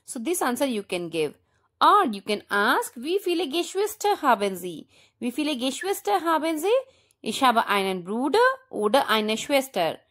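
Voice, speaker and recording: In a high, very animated, slightly bright voice, an Indian-accented woman leads a language lesson. She takes a deliberate, instructional approach and says the example sentences more than once.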